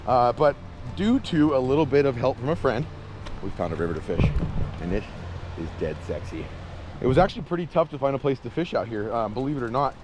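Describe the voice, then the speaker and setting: A slightly mellow, medium-pitched male voice chats casually with viewers over music and slight background noise. He presents as an outdoor camping and fishing vlogger, folksy, playful and exuberant, peppering his talk with quirky slang.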